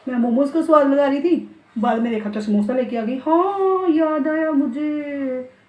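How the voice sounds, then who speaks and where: A woman's voice: fairly high pitch, a little mellow, slight background noise, poor audio. A middle-aged woman chatting playfully to her viewers in a casual home vlog. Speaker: vlogger.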